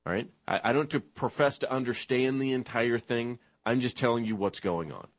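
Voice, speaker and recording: A man's voice: mid-range voice, normal speed. A man hosting a talk show, ranting in combative commentary, mocking and name-calling his targets. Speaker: show host. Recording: dull lo-fi recording.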